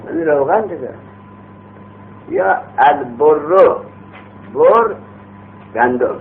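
A man lecturing on a grammar text in a lively, rising-and-falling voice. He asks questions and answers them himself, drawing on street examples. The sound is thin and phone-like, with a faint hum underneath. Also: on the high side. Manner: uses everyday street examples and acts out vendors calling. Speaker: teacher of Arabic grammar.

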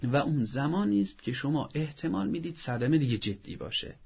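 A man's voice: mid-range voice, expressive, creaky, slightly rough, dull audio. A man speaking as a parenting expert, giving earnest advice and acting out parents' scolding. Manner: didactic, earnest, acts out parents' scolding in a raised voice. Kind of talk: advice talk on a show.

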